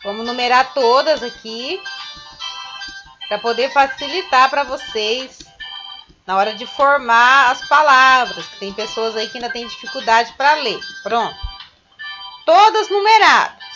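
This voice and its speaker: A woman teaching a recorded class to young children, explaining slowly and patiently step by step. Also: high-pitched, pushed and bright. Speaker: primary school teacher. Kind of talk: recorded remote class lesson.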